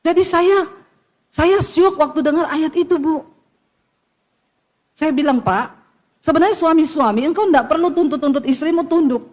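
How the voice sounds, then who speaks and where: A middle-aged woman pastor delivers a blunt, scolding sermon in a very high voice. She preaches straight at her listeners and acts out the words of people she has counseled. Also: moderate pace, long pauses, darkish tone.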